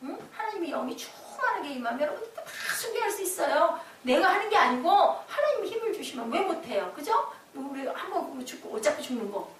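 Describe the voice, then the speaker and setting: A woman pastor preaching a lively sermon in a church, quizzing the congregation with call-and-response questions. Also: high-pitched, brisk, few pauses, recorded from a distance, a little hiss or hum. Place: church sanctuary. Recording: echoey church hall from afar.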